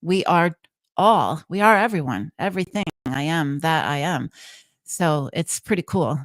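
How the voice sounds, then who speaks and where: A woman's voice: sits low, animated, a little slow, dry recording. A woman speaking as an interview guest, explaining things conversationally in earnest, emphatic short phrases. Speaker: guest, trance channeler.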